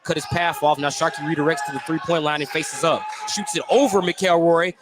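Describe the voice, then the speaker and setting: Here a radio play-by-play man calls basketball action in short, clipped phrases from an indoor gym. His pitch is fairly high, his intonation fairly even, and he moves a little fast, all over the noise of a live sports broadcast.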